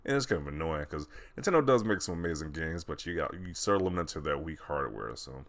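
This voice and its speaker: An extremely low-pitched, animated man talks fast while reacting to social media posts as a video host. His casual commentary is mocking and incredulous, punctuated by frequent chuckles.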